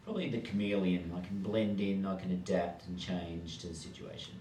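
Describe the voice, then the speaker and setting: A man playing in a tabletop game who introduces himself in an unhurried, hesitant way. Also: low-pitched, dark tone, slight background noise. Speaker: player. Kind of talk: casual chat at a gaming table. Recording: roomy, distant mic.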